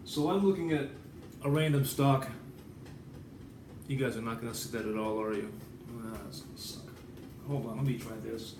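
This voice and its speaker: He pauses often while talking at normal speed and medium pitch, an American writer-vlogger delivering a loose, rambling, informal monologue with some swearing. The room echoes, the mic is far away, and there's noise behind him.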